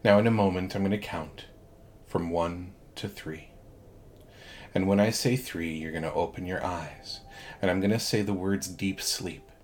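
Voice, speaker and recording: A man guiding a hypnosis relaxation induction in a soothing, measured way, leaving long pauses between phrases. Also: deep voice, fairly even intonation, darkish tone, slight background noise. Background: background music.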